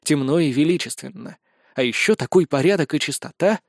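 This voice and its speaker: A man narrating a first-person comic fantasy audiobook in an earnest, naive, even tone. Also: a little high, fairly quick, vocal fry, dry recording. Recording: dry close studio voice.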